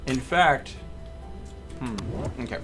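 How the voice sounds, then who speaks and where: Speaking slowly in a mid-range voice over music, a man commentates his gameplay live. He alternates between chatting with viewers and muttering under his breath.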